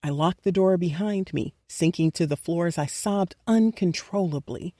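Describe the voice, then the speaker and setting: A woman's voice: on the low side, moderate pace, warm tone, no echo. A woman narrating a first-person audiobook in an emotional, intimate way.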